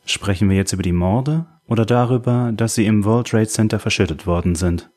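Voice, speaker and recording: A man reading an audiobook, voicing a male psychiatrist who speaks seriously and deliberately. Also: fairly low pitch, a little mellow, lightly acted. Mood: bitter. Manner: serious and measured.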